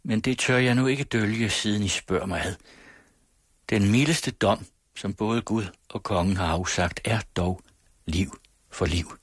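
A man narrates a classic story in a low, husky voice, his reading measured and solemn with an old-fashioned literary cadence. The sound is dry and close to the mic. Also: no room sound. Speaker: audiobook reader.

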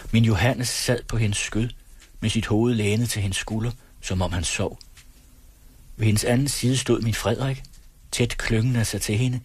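A man reading a first-person literary story aloud in a measured way. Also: lowish voice, slightly rough, dry recording. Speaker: audiobook reader.

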